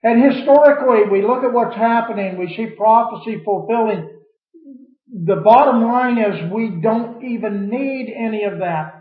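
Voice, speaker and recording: High-voiced man teaching a Bible class. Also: moderate pace. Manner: preacherly, asks the class questions, quotes scripture. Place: church room with a class. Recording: dull, echoey room recording.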